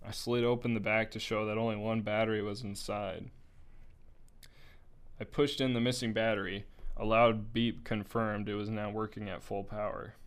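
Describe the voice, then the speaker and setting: A young man reads a first-person story aloud, casual and a little unpolished, tripping on words and tossing in asides. His voice is smooth and sits on the low side. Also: little pitch movement, normal speed. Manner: casual, with slips, laughs and asides.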